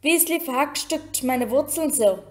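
A woman's voice: high voice, measured pace, a little mellow, voice pushed up. A woman reading aloud and voicing a smug, sneering boy wizard with a mocking drawl. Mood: smug whining.

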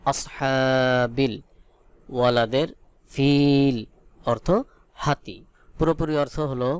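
A man from Bangladesh with a Bangladeshi Bengali accent, teaching Quran reading by spelling each letter and vowel mark, then reciting the words slowly. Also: medium pitch, clear, resonant tone, no echo. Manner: slow, drawn-out syllable-by-syllable spelling with chanted recitation.

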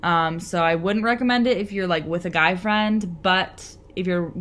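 A woman's voice: lowish voice, moderate pace, fairly bright tone. Chatty young woman vlogging from bed. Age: young adult. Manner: chatty, lots of fillers. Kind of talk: casual vlog chat. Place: bedroom.

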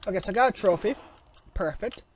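A YouTuber with a raspy voice from a sore throat, chatting and grumbling to themself through casual gameplay commentary. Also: mid-range voice, expressive, fast, a little hiss or hum. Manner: mutters and grumbles to self, chatty asides. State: sick with a sore throat, coughing. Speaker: gaming YouTuber.

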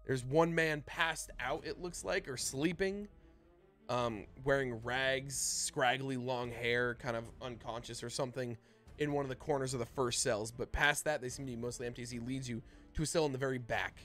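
A man's voice: medium pitch, steady tone, moderate pace, fairly bright tone, soft background music. A man narrating a tabletop fantasy game as the game master, in loose, rambling narration full of restarts. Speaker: dungeon master.

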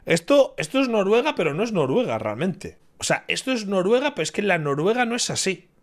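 A man's voice: sits high, sing-song, fairly quick. A man, reacting to a quiz in casual commentary, thinking aloud, repeating his guesses and cheering himself on. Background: quiz background music.

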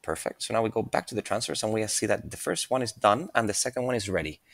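Male tutorial presenter, low voice, dry close mic, casual and unscripted with fillers. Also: fast talker, dry recording. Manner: relaxed, thinking aloud with frequent fillers and restarts. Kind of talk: screen-recorded software walkthrough.

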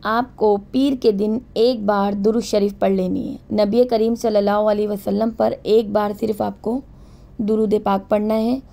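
A woman talks through a devotional practice in a calm, repetitive way and slows right down for each recited phrase. Her voice is dark and mellow with a gravelly edge. Her pitch stays flat and level throughout. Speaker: religious instructor. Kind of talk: spoken instruction with slow recitation.

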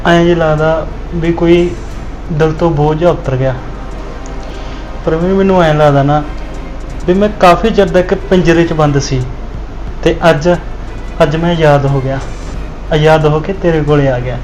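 An actor playing a young husband caught between two women, pleading and coaxing. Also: male voice, fairly high pitch, steady tone, moderate pace, pauses often, a little mellow, close to an everyday voice. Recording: echoey room, music behind.

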